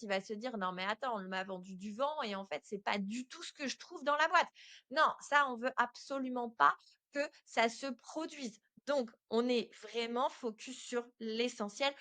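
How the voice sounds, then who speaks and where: A woman's voice: on the high side, pushed and bright, no room sound. A woman hosting a podcast, giving direct, chatty advice straight to the listener. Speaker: podcast host. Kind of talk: casual solo podcast advice.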